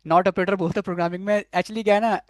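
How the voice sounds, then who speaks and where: This high-pitched man speaks fast with fairly even intonation, and the recording is dry with clean studio sound. He's a programming instructor teaching web development in a live coding lecture, repeatedly saying "ठीक है" and quizzing his students. At one point he confesses difficulty with a technical word.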